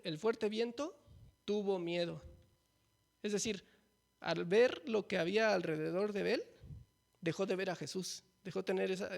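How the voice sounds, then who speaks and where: A man's voice: high voice, vocal fry. A man preaching a conversational sermon, asking the congregation questions and often adding a folksy "¿no?". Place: church.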